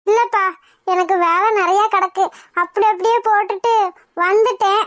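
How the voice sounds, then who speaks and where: A squeaky fussy old grandma. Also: female voice, steady tone, moderate pace, fairly bright tone, no room sound, clean studio sound. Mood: hurried. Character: kind, humble old village grandmother.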